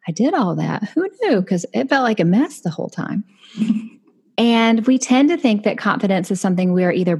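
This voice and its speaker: A woman who's an author and business coach talks casually in an interview, chatty and animated, jumping into high voices for quoted thoughts. The audio sounds dull.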